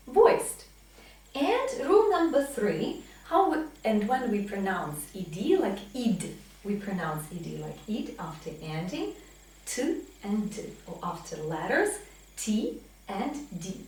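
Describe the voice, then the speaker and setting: An English teacher runs a pronunciation lesson in a small classroom with a whiteboard, drilling example words very slowly with big pitch swings and deliberate emphasis on each one. Her voice is a little mellow, and she sounds far from the mic in a heavily echoing room.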